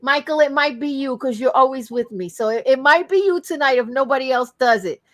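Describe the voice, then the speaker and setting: A woman hosting a live talk show, expressive and emotional as she talks about faith. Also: high-pitched, brisk.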